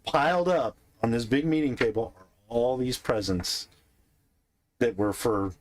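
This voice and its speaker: A man runs a tabletop game as game master, with an average pitch. He narrates in a laid-back way and chuckles often. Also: expressive, unhurried.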